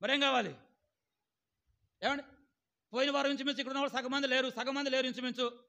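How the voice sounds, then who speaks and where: A man's voice: very high-pitched, flat delivery, fast, gravelly, pushed and bright, muffled recording. A male pastor preaching a sermon, often asking "ఏమండి?" and calling on the congregation to answer aloud.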